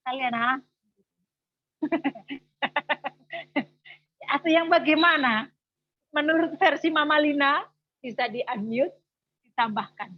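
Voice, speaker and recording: A woman's voice: high voice, takes it slowly, pauses often, lo-fi sound. A woman hosting a casual chat over a video call, with brief encouraging replies.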